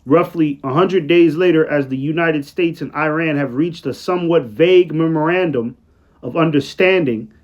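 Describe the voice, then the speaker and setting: A tired man talking casually late at night at his workplace, rambling through news commentary, often asking "right?" and slowing down to read quotes aloud. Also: on the high side, highs cut off. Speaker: online commentator.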